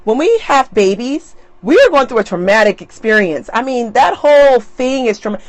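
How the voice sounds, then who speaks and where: A woman's voice: on the high side, normal speed, no room sound. A middle-aged woman talking casually on a live stream into her tablet, chatty and often laughing. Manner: chatty and laughing, lively animated asides. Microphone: tablet mic.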